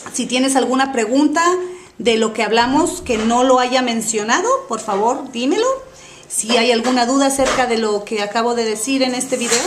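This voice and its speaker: A woman tutor drilling words slowly and repeating each one, often checking with a quick "¿sí?" or "¿ok?". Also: on the high side, background noise. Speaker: Spanish tutor. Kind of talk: slow drilling of words in a recorded review lesson.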